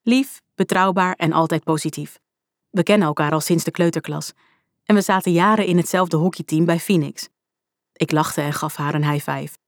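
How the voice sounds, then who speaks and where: A woman reading a storybook aloud in the first person, with a lively, vivid telling. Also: deep voice, normal speed, dry recording, clean studio sound. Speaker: audiobook narrator. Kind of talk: scripted storybook narration.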